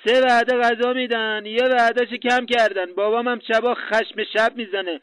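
A man's voice: extremely high pitch, flat delivery, a bit bright, clear, resonant tone, dry recording, rough recording. A man voicing a whiny, clueless jobless young man who calls a radio fortune teller in a comedy sketch. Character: jobless young man nagged by his family. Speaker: caller.

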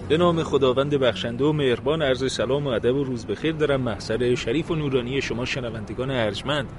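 A man's voice: mid-range voice, music in the background. A man reporting for the radio from a city crossroads, speaking with very courteous, ornate formal phrasing. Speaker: field reporter. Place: outdoors at a busy city crossroads. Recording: street crowd noise behind.

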